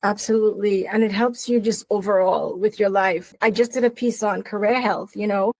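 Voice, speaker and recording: In an interview, an earnest middle-aged Trinidadian woman with a local accent talks about her work in career coaching, often stumbling with fillers and fresh starts. She has a mid-range, somewhat dark voice with fairly even intonation and normal pacing, recorded with no room sound.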